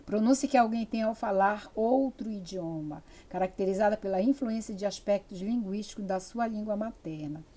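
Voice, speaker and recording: A woman's voice: medium pitch, normal speed, hardly any pauses, warm tone. Older Brazilian woman lecturing, chatty and digressive. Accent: Amazonas interior Brazilian Portuguese. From Amazonas, Brazil. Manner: chatty, digressive, many fillers and restarts. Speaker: university lecturer. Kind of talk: spoken lecture.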